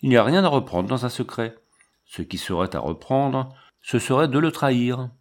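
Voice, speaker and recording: A man's voice: medium pitch, animated, normal speed, close to an everyday voice. A man reading the part of a loyal, discreet old family servant, earnest and respectful, for an audiobook. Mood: devoted.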